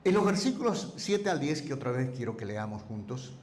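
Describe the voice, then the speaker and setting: A man's voice: medium pitch, big pitch swings, normal speed, darkish tone, roomy sound, a little hiss or hum. A male pastor preaching a sermon in a conversational way, often asking his listeners to confirm with rhetorical questions. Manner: voice teacher, careful about vocal timbre. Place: church hall.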